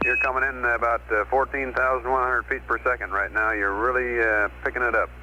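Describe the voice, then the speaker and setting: A man working as a mission control communicator, giving measured procedural messages over a space radio link. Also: mid-range voice, little pitch movement, dull audio. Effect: radio transmission. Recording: noisy 1960s space radio with beeps.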